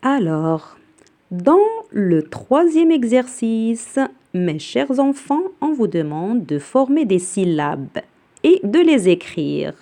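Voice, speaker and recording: Woman teacher, low mellow voice, spells and repeats words very slowly for kids. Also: sing-song. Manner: spells out letters and repeats each word slowly; glosses words in Arabic. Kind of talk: slow spelling and reading lesson for children.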